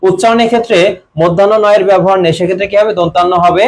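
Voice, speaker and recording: Speaking rapid-fire in a high-pitched voice with a darkish tone, a young Bangladeshi man with a Bengali accent runs a live online admission coaching session. He repeats quiz questions, answers them on his own, and reads commenters' names aloud.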